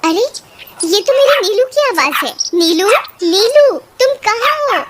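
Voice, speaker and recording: A woman's voice: very high-pitched, very animated, unhurried, heavy background noise, exaggerated voice. A woman doing a fussing emotional farmer's wife. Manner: fussing, wailing, baby talk to the dog. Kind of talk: Hindi cartoon voice acting.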